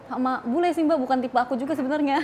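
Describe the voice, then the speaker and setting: A woman guest telling her story in a lively, chatty way, slipping into English phrases. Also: sits high, rapid-fire, a little hiss or hum. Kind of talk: casual interview chat.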